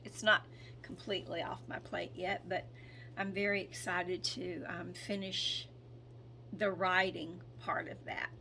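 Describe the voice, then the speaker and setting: A hoarse woman gives a casual spoken update as a spiritual channel, talking slowly and hesitantly with many ums and throat clearings. Her mid-range voice is slightly bright, and there is a little hiss or hum.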